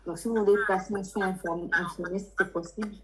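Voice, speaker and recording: Quick and a bit bright, this mid-range female voice holds fairly even intonation. The speaker runs a workshop for international students, offering unscripted, insistent guidance and probing questions during a live advisory Q&A.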